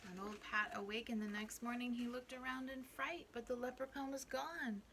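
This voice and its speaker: A woman teacher reading a storybook aloud to young children, expressive and asking them questions. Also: fairly high pitch, normal speed, vocal fry, background noise. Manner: expressive, asks the listeners questions.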